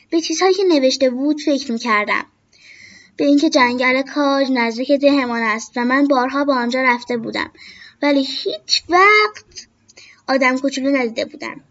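A woman narrating a children's story in a gentle, measured way. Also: high voice. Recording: dull lo-fi recording.

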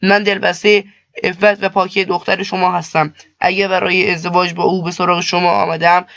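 A man's voice: high-pitched, level tone, vocal fry, bright, forceful tone, dry recording, exaggerated voice. A man voicing a poor, earnest young male cleric in a storybook reading, speaking politely and pleadingly. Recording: dull lo-fi dry recording.

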